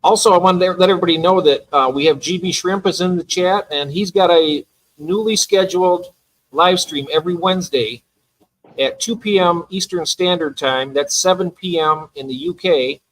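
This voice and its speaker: A man's voice: high voice, normal speed, fairly bright tone, rough recording. A man hosting a casual livestream chat, enthusiastic and talkative, often trailing off mid-thought. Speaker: livestream host.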